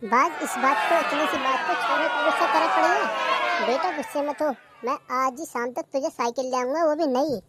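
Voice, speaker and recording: Cartoon husband, bickering, stingy, high-pitched, woman voicing, faint noise behind. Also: normal speed, crowd noise, lightly acted. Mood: soothing. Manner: scolding, mock-dramatic. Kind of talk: cartoon comedy voice acting.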